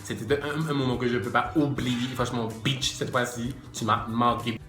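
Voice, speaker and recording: A man's voice: mid-range voice, steady tone, moderate pace, a bit bright. A man telling a casual storytime to his viewers, slangy and chatty, addressing them directly. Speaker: YouTuber. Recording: echoey room with faint music.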